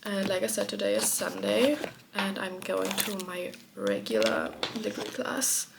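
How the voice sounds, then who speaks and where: A woman's voice: medium pitch, lively intonation, a little slow, vocal fry, background noise. A woman chatting casually to camera in her vlog. She is coming down with a cold, and her upbeat talk sometimes drops to a near whisper. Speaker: vlogger.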